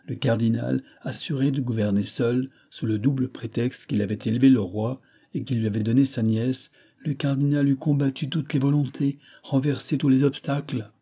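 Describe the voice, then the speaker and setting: A man's voice: mid-range voice, steady tone, normal speed, hardly any pauses, warm tone, slightly rough, voice pushed up. A man voicing a young noblewoman, passionate and pleading, in a read-aloud story. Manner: impassioned, pleading.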